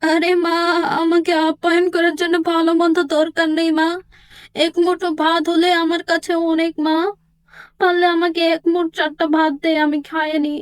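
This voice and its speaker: A woman voicing a hungry, humble old beggar woman who asks gently for food in a doll story drama. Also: very high voice, little pitch movement, moderate pace, no echo, clean studio sound. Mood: pleading. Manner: pleading, gentle.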